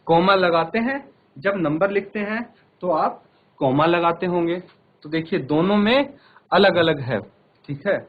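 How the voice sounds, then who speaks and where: A man's voice: sits high, measured pace, narrow, tinny audio. A man teaching a televised maths class in Hindi-accented speech, patiently addressing children and repeating each step.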